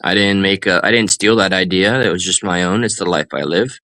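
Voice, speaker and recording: A man's voice: deep voice, brisk, pushed and bright, no echo. A man co-hosting a live stream, riffing in goofy mock-serious banter and playful fake outrage. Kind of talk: joking improvised banter.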